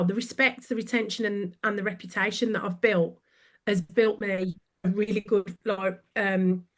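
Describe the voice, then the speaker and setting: A woman with a Birmingham accent, a podcast guest who tells stories with animation and laughs easily. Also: medium pitch. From England. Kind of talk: podcast conversation.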